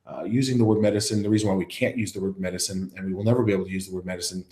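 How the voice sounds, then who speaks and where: A man's voice: low-pitched, steady tone, very fast, warm tone, reverberant. A man hosting a live online presentation, talking it through with many fillers and restarts. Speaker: presenter of a live web session. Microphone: earpiece in, talking to an online audience.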